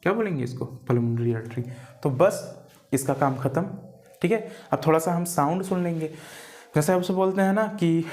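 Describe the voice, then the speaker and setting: A man's voice: fairly high pitch, darkish tone. A man teaching a classroom biology lecture, who keeps asking rhetorical questions, repeats key terms, spells words out letter by letter and calls the students "beta".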